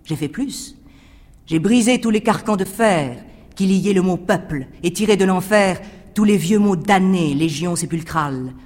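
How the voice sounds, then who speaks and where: A man giving a theatrical recitation of verse, declamatory, swinging from hushed whispers to ringing cries. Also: high voice, a little slow, big-room sound.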